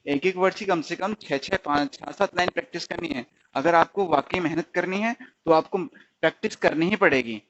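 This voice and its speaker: A man teaching a stenography lesson, asking his students questions and answering them himself, repeating each sound slowly. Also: on the high side, a bit bright, dull audio, a little hiss or hum. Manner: slips into English definitions. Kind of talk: recorded shorthand lesson.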